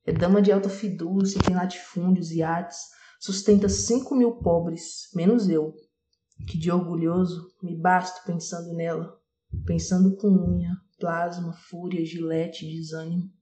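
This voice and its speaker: A woman's voice: fairly low pitch, unhurried, slight background noise. Woman reciting poetry dramatically, roomy echo. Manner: expressive, lingering on single words with shifting loudness. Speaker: poetry reader.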